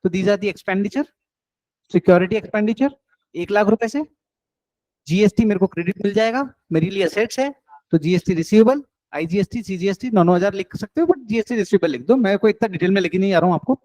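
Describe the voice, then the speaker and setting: A man's voice: high-pitched, a little fast, a little mellow, no room sound. A man teaching an accounts class, coaxing and encouraging his students and mixing in English terms.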